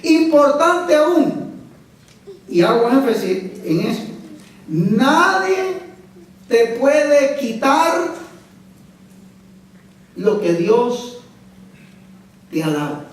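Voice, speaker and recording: A male pastor with a very high voice delivers an emphatic sermon at an unhurried pace. He often asks his congregation questions to check that they follow. He sounds far from the mic, in a church sanctuary with heavy echo. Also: very animated, a little hiss or hum. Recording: echoey church hall from far off.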